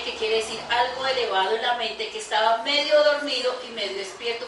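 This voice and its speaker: A woman pastor delivers a fervent sermon, praying aloud and reading scripture in a slightly high voice. She is heard from a distance across a large church hall. The recording is heavily echoey, with faint noise in the background. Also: a bit bright.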